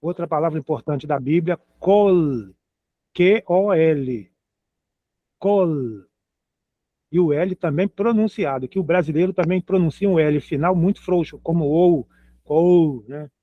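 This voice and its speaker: A man teaches with unhurried, deliberate patience, spelling letters out and repeating words. His voice sits a bit high for a man. The sound is dry and thin, like a phone line. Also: no echo. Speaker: Hebrew teacher. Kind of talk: slow explanatory lesson.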